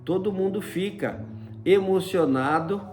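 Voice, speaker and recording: A man's voice: high voice, measured pace, darkish tone, soft background music. A man casually telling a personal story in a chatty way, often tagging "né?" and using fond diminutives. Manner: chatty, fills with frequent "né?"; uses many fond diminutives. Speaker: storyteller recounting a personal experience.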